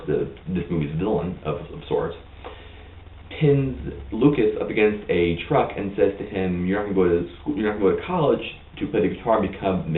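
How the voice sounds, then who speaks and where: A man giving a blunt, opinionated, rambling movie review in a casual vlog. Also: on the low side. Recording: tinny lo-fi, roomy, mic far off.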